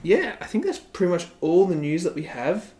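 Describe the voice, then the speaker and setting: A man's voice: high voice, big pitch swings, moderate pace, mellow. Rambling Australian man, casual sports chat. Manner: rambling, laughs often, heavy use of "like". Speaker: podcast co-host.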